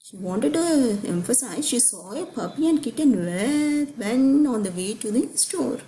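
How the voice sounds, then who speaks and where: Woman, grammar teacher, higher pitch, mellow, asks questions while explaining, faint background noise. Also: lively intonation, measured pace, rough recording. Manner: explains with questions to the class, frequent restarts. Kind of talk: grammar lecture.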